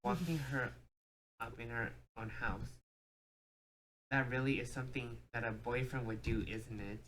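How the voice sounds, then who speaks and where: A woman's voice: extremely low pitch, steady tone, normal speed, fairly bright tone, a little hiss or hum. A woman hosting a game playthrough, reading the story text aloud with joking asides. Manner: reads dialogue with joking asides. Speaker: let's play host.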